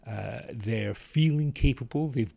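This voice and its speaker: Creaky-voiced man explaining policy. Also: mid-range voice, mellow. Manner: measured, many fillers. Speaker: public health expert. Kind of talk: interview answers, explanatory.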